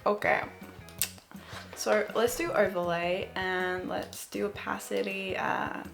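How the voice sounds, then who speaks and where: A woman's voice: mid-range voice, flat delivery, takes it slowly, gravelly. A woman talking casually through a photo editing tutorial, thinking aloud hesitantly and often repeating her words. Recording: music playing behind the voice. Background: music.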